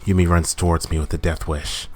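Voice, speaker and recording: A man hosting a gaming channel, reading a story game's text aloud in a steady, measured way with small slips. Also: low voice.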